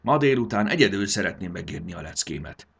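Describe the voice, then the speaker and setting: A man's voice: sits low, lively intonation, vocal fry, a bit bright, husky, heavily acted. A man voicing a curious, eager young boy in a storybook reading. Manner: eager, wondering exclamations. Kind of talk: audiobook character voice.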